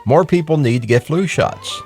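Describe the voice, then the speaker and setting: Faint music plays behind a middle-aged man hosting a call-in talk radio show from a radio studio on a studio microphone. His voice is a little high and moves at normal speed. He's blunt, conversational and mildly profane, lively and hectoring, with plenty of fillers and restarts.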